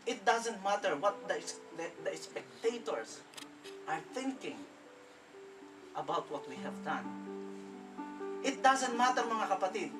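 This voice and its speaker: A man preaching a sermon from a stage, telling a story dramatically, rising to loud exclamations and dropping to hushed lines. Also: sits high, distant mic, low-quality recording. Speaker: pastor. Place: stage before an audience.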